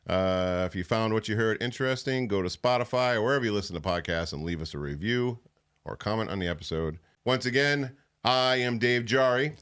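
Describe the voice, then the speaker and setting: A man co-hosting a podcast in casual chat, easygoing and quick to chime in with short agreements. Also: deep voice, smooth. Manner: brief agreeing interjections, easygoing. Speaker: podcast co-host.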